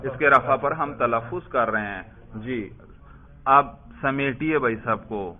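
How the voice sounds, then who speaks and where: Male grammar teacher, mid-pitched, prods students with questions, says brother a lot; tinny lo-fi sound. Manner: quizzing, prompting students for answers; addresses listeners as brother. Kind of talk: classroom lesson with questions to students. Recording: tinny phone-like lo-fi recording.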